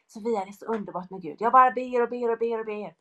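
A woman's voice: fairly high pitch, fairly bright tone, natural voice. Brief: a woman voicing a cheerful woman friend, eager and encouraging. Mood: gushing.

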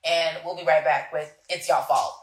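A woman's voice: sits low, steady tone. Teasing woman co-host, roomy sound. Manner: teasing, quick retorts. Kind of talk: playful banter. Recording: roomy distant sound with music.

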